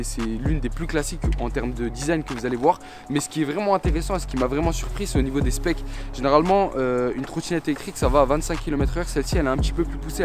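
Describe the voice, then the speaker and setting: Slangy male vlogger over music. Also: a little high. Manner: informal urban slang, addressing viewers as mates. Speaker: YouTube vlogger presenting a product unboxing. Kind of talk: casual chat to camera in French street slang. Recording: music behind the voice.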